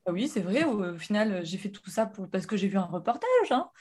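A woman in her thirties from France, a guest entrepreneur telling her story in a casual interview, animated and full of fillers and restarts. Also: medium pitch, fairly quick, husky.

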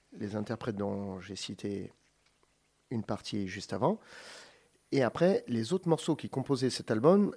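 A man co-hosting a radio music show, reading long lists of names with joking asides and quick self-corrections. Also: medium pitch, a little mellow. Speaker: radio co-host presenting a music segment. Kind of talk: casual radio chat.

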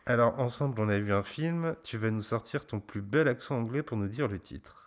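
A man hosting a casual film podcast, gently prompting his child with questions and often pausing to hesitate. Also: mid-range voice. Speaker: podcast host; father interviewing his child.

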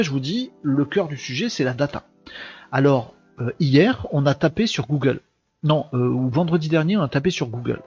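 A man from France hosts a casual live stream, joking, rambling and answering viewers' comments as they come in. His voice is somewhat husky and sits at a middle pitch. The stream audio sounds dull and lo-fi, with faint music underneath. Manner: joking, rambling, reads chat comments aloud. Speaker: live webinar host.

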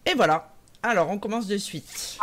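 A woman's voice: medium pitch, moderate pace. A woman hosting a live radio talk show, speaking with frequent hesitations and fillers. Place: radio studio.

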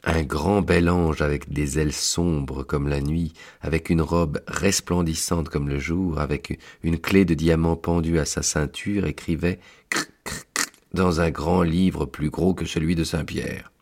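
A man reading a story aloud in the first person, slow and deliberate with dramatic touches. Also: rumbling low, steady tone, a little mellow. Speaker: narrator and reader.

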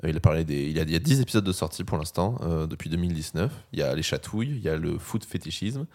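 A man hosts a casual podcast and rattles through his recommendation with filler words. His voice is very low and his pace is rapid. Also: animated, darkish tone. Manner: quick, chatty, many fillers. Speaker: podcast host. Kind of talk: casual chat.

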